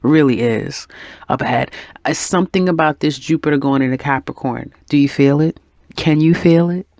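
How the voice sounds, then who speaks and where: A tarot reader with a low, darkish voice gives a chatty, encouraging weekly reading at a moderate pace, with frequent ums and little laughs. She has a head cold that makes her voice go in and out, and the studio-quality recording has no room sound.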